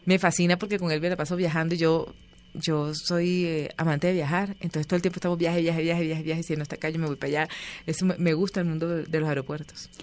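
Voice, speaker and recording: A woman, a guest in an interview, telling stories in a lively, chatty way and acting out the voices of the people she quotes. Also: low voice, quick pace. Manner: animated storyteller, acts out quoted voices. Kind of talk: casual interview storytelling.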